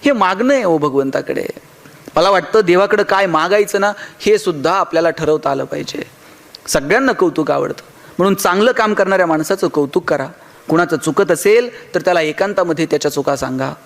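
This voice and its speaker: High-voiced Marathi motivational speaker. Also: male voice, fairly quick. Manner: storytelling with acted dialogue and humor. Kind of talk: motivational speech.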